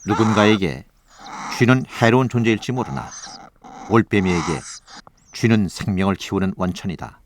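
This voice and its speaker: A man narrating a scripted nature documentary in a measured, formal storytelling manner. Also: fairly low pitch, expressive, slight background noise. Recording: voice over background music. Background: music.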